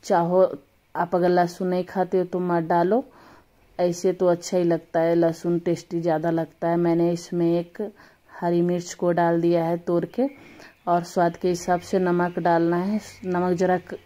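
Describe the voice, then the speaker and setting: A woman's voice: fairly low pitch, completely flat delivery, a little slow, dark tone. A woman with a slightly sore throat hosting a casual home cooking tutorial in her kitchen, chatting homely and correcting herself as she goes. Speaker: cooking channel host.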